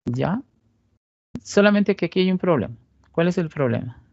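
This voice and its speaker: A teacher with a Bolivian Spanish accent from Cochabamba gives a recorded statistics lecture, his high, darkish voice expressive with vocal fry at a normal speed. He explains step by step, asks rhetorical questions, and often checks in with "¿listo?" The recording is dry and lo-fi.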